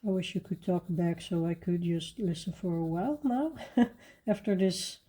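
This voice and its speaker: A woman chatting casually while she colors, soft-spoken and rambling with fillers and restarts. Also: on the low side, lively intonation, normal speed. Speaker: coloring channel host.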